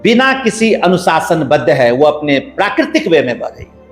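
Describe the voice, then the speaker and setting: High-voiced man lecturing calmly. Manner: measured lecturing, building points in lists. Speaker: guest scholar. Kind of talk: explanatory podcast talk. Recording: roomy echo, faint background music.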